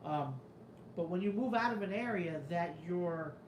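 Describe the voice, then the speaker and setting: The room echoes slightly and there's a bit of background noise as a man with a high voice talks a little slowly. A show host from the New York area, he reads his live chat casually, rambling, skeptical and swearing freely, his New York Italian-American accent surfacing now and then.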